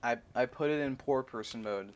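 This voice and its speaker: A young man chatting casually as he unboxes a toy, rambling and excitable like a fan. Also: mid-range voice, moderate pace, background noise. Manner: rambling, excitable fan talk with frequent laughs. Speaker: toy reviewer.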